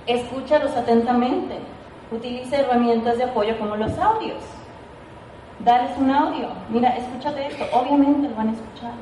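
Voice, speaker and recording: A woman's voice: a little high, normal speed, dark tone, a little hiss or hum. Chatty woman trainer, echoey room. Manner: chatty, asks "¿ok?" often, playful asides. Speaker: sales team trainer. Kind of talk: informal training talk. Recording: echoey room, mic at a distance.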